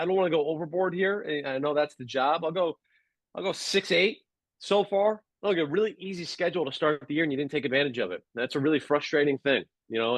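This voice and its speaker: A man talking sports as a podcast guest, measured and analytical, with frequent fillers and restarts. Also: medium pitch, dry recording, low-quality recording. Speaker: guest sports radio producer. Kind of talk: casual sports podcast chat.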